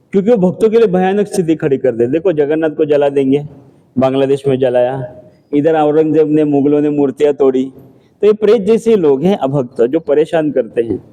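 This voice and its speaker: A man's voice: a little high, warm tone. A man giving a scripture class in a temple, talking conversationally and answering his own rhetorical questions. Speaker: temple lecturer.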